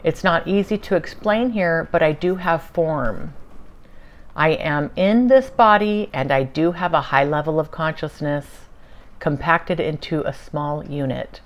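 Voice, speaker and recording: A woman voicing a tiny inch-tall alien being, calm and dryly humorous, explaining itself in a measured, slow way. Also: deep voice.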